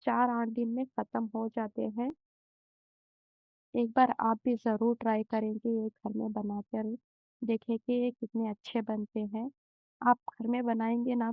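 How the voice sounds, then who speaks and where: A young woman hosting a home cooking channel, walking through a recipe step by step in a slow, gentle way with many hesitations. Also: on the high side, vocal fry, dry recording, narrow, tinny audio.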